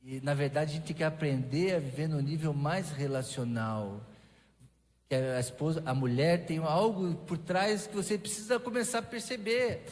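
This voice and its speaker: A man preaching a sermon in a Brazilian Portuguese accent, talking in a conversational way with restarts and lively asides. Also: on the high side, moderate pace. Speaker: pastor. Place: church sanctuary. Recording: long reverb of a church hall.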